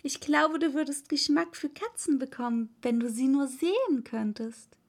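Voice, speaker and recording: A woman's voice: high-pitched, normal speed, voice pushed up. A woman voicing a polite, curious little girl in a read-aloud story, eager and chatty, sometimes apologetic. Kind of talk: audiobook reading.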